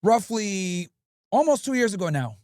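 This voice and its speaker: This is a high-pitched man talking at a moderate pace, a livestream host whose first language is English. His commentary is brash and profane, full of swearing and animated storytelling.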